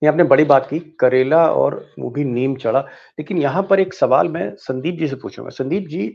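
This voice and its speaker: A man's voice: fairly high pitch, moderate pace, vocal fry, lo-fi sound. A man hosting a political discussion panel, relaying what insiders told him and pressing his guests with pointed rhetorical questions. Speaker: host.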